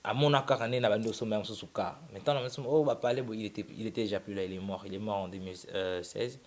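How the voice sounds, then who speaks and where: In a casual interview switching between French and Lingala, a young Congolese musician from Kinshasa recounts his story quickly in a lowish voice. His delivery is loose and meandering, full of restarted sentences.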